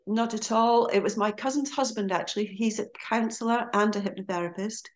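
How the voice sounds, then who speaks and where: On a podcast, a middle-aged guest from Aberdeen talks briskly in a medium-pitched voice with a Scottish accent. The interview chat is relaxed, and she laughs easily throughout.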